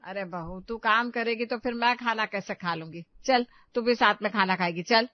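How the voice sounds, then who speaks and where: A woman's voice: on the high side, lively intonation, normal speed, dry recording, close to an everyday voice. A woman voicing a stern, scheming middle-aged mother-in-law in a cartoon story, bossy and scolding, on dull, dry, lo-fi audio. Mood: sweetly fake. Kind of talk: animated storybook voice acting.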